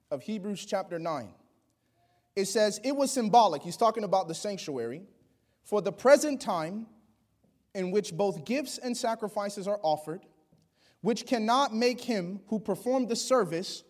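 High-voiced guy preaching, gets loud then drops real quiet, does little voices for quotes. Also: expressive, a little slow. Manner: dynamic, swings from loud exclamations to quiet asides. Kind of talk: sermon.

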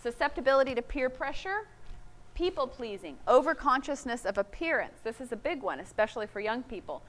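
A middle-aged woman teaching a sermon, earnest, quoting scripture and acting out quick asides. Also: high voice, lively intonation, fairly bright tone. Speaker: Bible teacher. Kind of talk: sermon talk.

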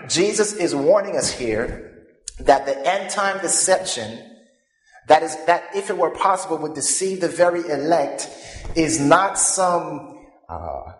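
A man delivering a sermon in a deliberate, rhetorical manner, as a preacher addressing a congregation. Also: on the high side. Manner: deliberate, rhetorical, pausing for audience to fill in words. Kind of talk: sermon with scripture readings and questions to the congregation. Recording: echoey hall, long reverb, music behind.

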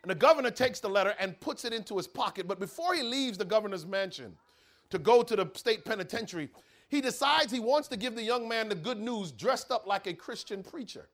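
A man preaching a sermon, telling a story with dramatic pauses and rising intensity. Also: high voice, expressive, a bit bright.

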